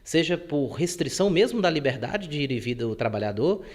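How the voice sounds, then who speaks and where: A man from Brazil who serves as a labor court judge, explaining legal points in a careful, measured way. His voice sits somewhat high for a man, and he leans on small filler words as he thinks. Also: animated, a little mellow. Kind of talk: explanatory interview answers.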